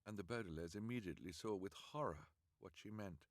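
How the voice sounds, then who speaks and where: A man reading an audiobook aloud on a livestream, in an expressive, measured way. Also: lowish voice, no echo, studio quality. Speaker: audiobook reader.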